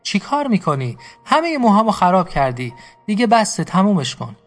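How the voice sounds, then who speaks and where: A woman's voice: big pitch swings, faint music behind. A man putting on a vain flirtatious farm wife. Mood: alarmed. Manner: coquettish, then shrill and panicked.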